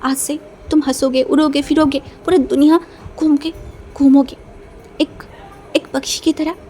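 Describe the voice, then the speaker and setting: A woman's voice: high-pitched, little pitch movement, a little slow, mellow, slight background noise. A woman reading a teasing gangster husband. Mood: tender. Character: male gangster villain, teasing possessive husband.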